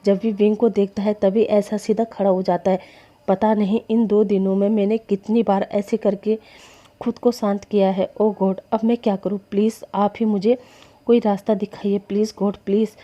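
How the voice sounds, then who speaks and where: A woman's voice: mid-range voice, flat delivery, moderate pace, mellow, natural voice. A woman voicing a flustered grown man in a storybook reading, soothing but awkward. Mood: desperate. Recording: dull lo-fi recording.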